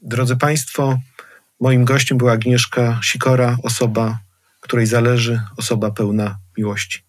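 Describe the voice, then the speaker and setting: Man, podcast host, steady monotone, dry close sound, calm measured questions. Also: medium pitch, dry recording. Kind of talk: podcast interview.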